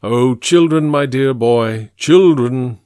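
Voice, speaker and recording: A man voicing a fat, genial, pompous older gentleman with a booming, patronizing lecturer's delivery in an audiobook reading. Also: sing-song, a little slow, dry recording, studio quality. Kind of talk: audiobook character voice.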